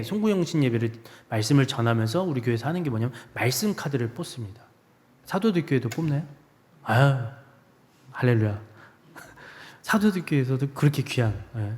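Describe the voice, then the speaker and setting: A man preaching a sermon as a guest preacher, telling a personal story and acting out his own inner voice, swinging from loud to hushed. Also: medium pitch. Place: church sanctuary. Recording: preached in a church hall with long reverb.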